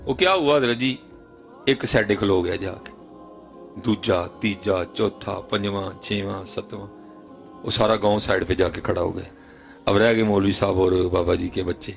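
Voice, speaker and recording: A man in his thirties with a Punjabi accent, preaching an emotional sermon and telling stories, with loud outbursts and hushed lines in turn. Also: fairly low pitch, fairly even intonation, gravelly, faint music behind.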